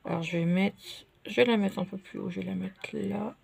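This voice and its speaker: A woman's voice: medium pitch, brisk, gravelly, husky. Chatty woman crafting at home. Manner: chatty and relaxed, with many fillers. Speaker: craft vlogger. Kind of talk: casual crafting chat. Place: indoors at a craft table.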